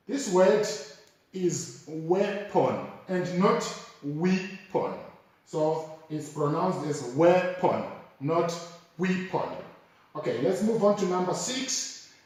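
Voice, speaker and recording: A man teaching pronunciation, slowly and deliberately repeating each word as an example. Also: high-pitched, a little mellow. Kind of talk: explanatory lesson. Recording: very echoey room, mic far off.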